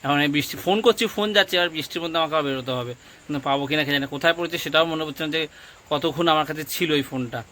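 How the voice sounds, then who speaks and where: A young man vlogs on a rainy street at night, talking to the camera as he walks. He sounds uneasy, and his voice sits a little high. The phone recording is noisy with outdoor sound. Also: very fast, bright, forceful tone. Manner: anxious, talking to the camera while walking. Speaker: vlogger. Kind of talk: casual vlog narration.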